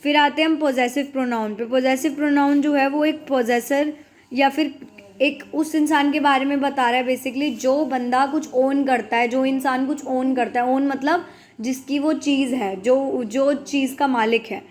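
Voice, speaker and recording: A woman teacher explaining English grammar, switching between Hindi and English and reading definitions slowly. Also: high-pitched, steady tone. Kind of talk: classroom grammar lesson.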